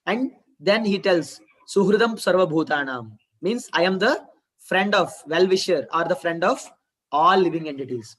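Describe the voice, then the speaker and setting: High-voiced Indian man teaching children. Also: a bit bright, far from the mic. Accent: Indian English. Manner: explains patiently, asks children to repeat verses. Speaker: Gita class teacher. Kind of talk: online class for children.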